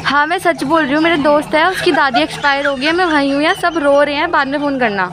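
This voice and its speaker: A woman's voice: high-pitched, steady tone, fast. Young woman insisting on a phone. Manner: insistent, annoyed, pleading. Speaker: prankster. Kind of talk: staged prank phone call. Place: metro train. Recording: crowded noisy metro carriage.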